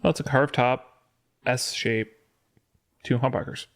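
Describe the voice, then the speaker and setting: A man's voice: medium pitch, steady tone, a little slow. A man co-hosting a casual gear podcast, teasing the others and running through a list of nominees. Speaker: podcast co-host.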